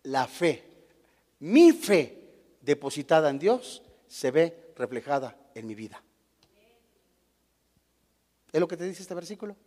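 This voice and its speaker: A male preacher delivers a sermon in a notably high voice. He fires rhetorical questions at his listeners and slips into little acted scenes to make his point. His voice rings out with a long reverb, as if he were in a large church hall. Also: big pitch swings, slow pace, pauses often, warm tone. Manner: acts out short scenes in character voices.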